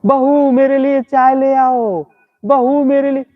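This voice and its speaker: A man putting on the voice of a nagging old mother-in-law calling for tea in a shrill, drawn-out way. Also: fairly even intonation. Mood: demanding. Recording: tinny phone-like audio.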